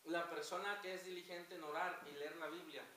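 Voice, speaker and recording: Fervent preacher in an echoey church. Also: male voice, fairly high pitch, fairly even intonation, brisk, sharp tone. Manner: fervent, addresses congregation as brothers. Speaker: pastor. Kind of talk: sermon. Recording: echoey hall from far off, hiss.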